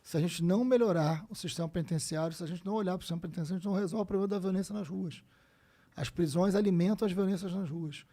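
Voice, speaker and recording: A man in his fifties with a Rio de Janeiro accent, a guest telling stories in a casual podcast chat, animated and swearing freely. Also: high voice, fast. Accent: Rio de Janeiro Portuguese. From Brazil. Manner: animated, swears freely, acts out quoted dialogue.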